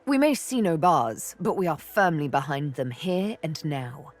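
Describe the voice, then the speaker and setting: A woman with a low-pitched, animated, unhurried voice performs a video game character over soft background music. She plays a sly elf rogue and former slave, teasing and flirtatious yet theatrically menacing, with a sly, wry mood.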